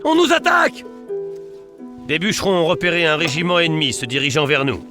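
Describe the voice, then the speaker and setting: A man's voice: fairly high pitch, quick pace, music in the background, lightly acted. A man playing an alert medieval castle lookout in a strategy game, urgently reporting on the enemy. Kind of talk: scripted game announcements.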